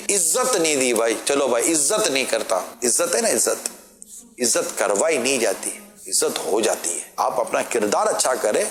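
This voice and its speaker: A man's voice: mid-range voice, a bit bright, roomy sound. A man preaching a sermon, earnestly pleading with rhetorical questions and short acted-out bits of family quarrels.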